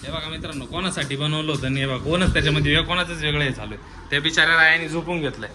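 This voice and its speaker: A man's voice: a little high, rapid-fire, noisy background. A man filming a family vlog at home, talking to viewers and half-laughingly scolding his children. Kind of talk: casual family vlog narration. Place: at home, indoors.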